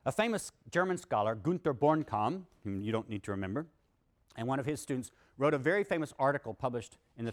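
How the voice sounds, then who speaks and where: A man lecturing to students, animated, reading passages aloud with emphasis and adding wry asides. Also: mid-range voice. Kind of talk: university lecture.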